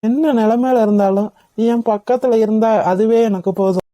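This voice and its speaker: A woman's voice: fairly high pitch, fairly even intonation, a little fast, mellow, no echo, natural voice. A woman voicing a playful, romantic young husband in a cartoon, coaxing and joking with his wife.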